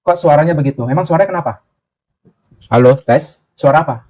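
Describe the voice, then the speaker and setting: A man's voice: on the high side, fairly quick, darkish tone. A man hosting a casual cooking live stream from a boarding-house room, chatty and joking as he answers viewers' comments, a little out of breath from grinding spices. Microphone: clip-on mic.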